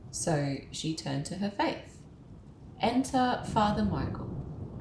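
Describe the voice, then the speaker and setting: A woman's voice: lowish voice, warm tone, a little hiss or hum. A woman hosting a podcast, telling a true-crime story in dramatic scripted narration with casual asides to the listener. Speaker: podcast host. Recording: roomy echo.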